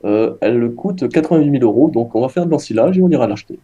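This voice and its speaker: A man's voice: mid-range voice, lively intonation, very fast, warm tone, husky, dull audio. A man hosting a casual multiplayer farming game session, chatting with friends and addressing viewers, with many hesitant fillers. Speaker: gaming video host. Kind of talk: casual multiplayer gaming chat.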